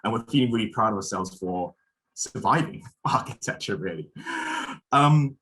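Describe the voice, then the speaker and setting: A man's voice: fairly low pitch, animated, moderate pace, fairly bright tone, rough recording. A young man from Malaysia giving a spoken introduction as a symposium chair, thoughtful, with frequent fillers and restarts.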